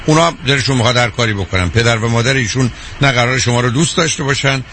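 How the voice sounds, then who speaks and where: A man hosting a call-in advice show on the radio, talking to callers frankly, calmly and directly. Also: medium pitch, a little hiss or hum.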